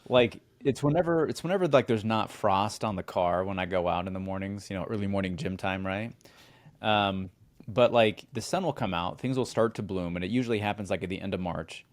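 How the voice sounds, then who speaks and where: A lower-voiced man co-hosting a podcast, relaxed in banter but brisk and upbeat when reading the promo. He sounds like a practiced announcer reading a guest bio. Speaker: podcast co-host. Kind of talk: casual chat and read-out show promo.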